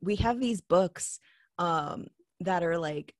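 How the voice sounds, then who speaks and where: A woman's voice: on the low side, slow, no room sound. Chatty young Long Island woman, dry mic. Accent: Long Island New York. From Long Island, New York. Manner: rambling storyteller, laughs often, many likes. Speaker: podcast co-host. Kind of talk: casual chat. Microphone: video call.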